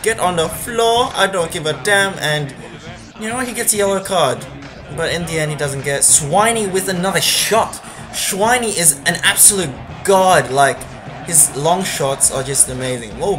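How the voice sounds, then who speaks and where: A man commentating a football video game in a casual, rambling voice-over with many fillers. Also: a little high. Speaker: gaming channel host.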